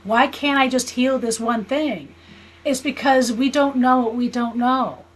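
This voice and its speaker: A high-pitched, unhurried voice comes from a woman in her fifties with an American accent. She is an interview guest, a spiritual healer and teacher, explaining earnestly in conversation and often checking that the listener agrees.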